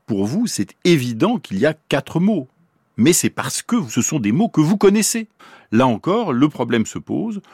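A man's voice: medium pitch, darkish tone, husky, no room sound, studio quality. A man explaining how babies learn words in a radio science talk, posing questions to the listener as he goes. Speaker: neuroscientist explaining the brain.

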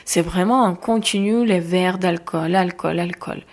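A woman in her twenties from Ukraine, speaking French with a Ukrainian accent, recounting her story earnestly with halting restarts. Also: fairly low pitch. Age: 20s. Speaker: interviewee. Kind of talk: casual testimony.

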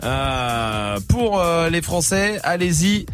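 A man with a high, bright-sounding voice hosts a radio show from the studio mic. He runs a teasing little quiz with his co-hosts, loose and chatty. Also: slow, faint music behind. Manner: lively, teasing quiz-master delivery. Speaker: radio host. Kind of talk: casual radio banter. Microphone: studio microphone.

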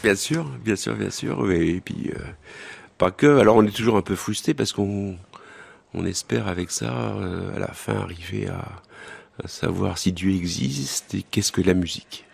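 Deep gravelly man, hesitant. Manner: halting, hesitant phrasing. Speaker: author guest. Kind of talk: live radio talk show. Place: live public broadcast in a hotel.

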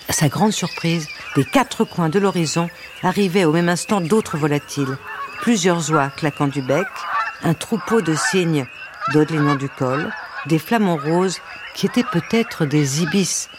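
A woman storyteller reading a children's story aloud, with a gentle, wry narration and playful asides. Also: deep voice, background noise.

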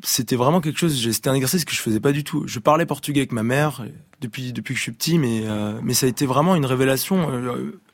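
A man, a musician guest on a radio show, answering questions in a halting way, often searching for his words. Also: mid-range voice, dry recording.

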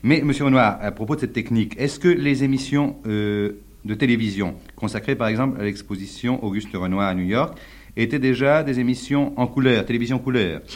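Brief: male interviewer, courteous and measured, mid-pitched, archival radio. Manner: polite, measured questioning.

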